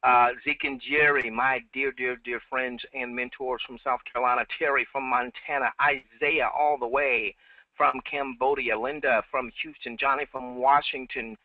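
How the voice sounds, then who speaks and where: A man's voice: medium pitch, fairly even intonation, moderate pace, no echo. A man hosting a live team webinar, upbeat and repeating himself, with many fillers, on a headset. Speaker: webinar host. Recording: dry, tinny phone-like line.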